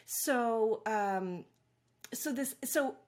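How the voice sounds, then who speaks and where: A woman's voice: fairly high pitch, drawn-out words. A woman who works as a parent coach, talking casually and telling stories in an interview, laughing easily. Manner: animated storyteller, laughs easily. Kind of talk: conversational interview.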